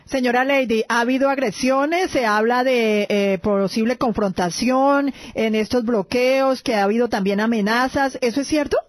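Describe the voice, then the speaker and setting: A woman hosts a radio news interview, asking pointed questions and often pausing on hesitant fillers. Her voice sits a little high, recorded dry and close in a studio. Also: dry recording. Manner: probing, many hesitation fillers.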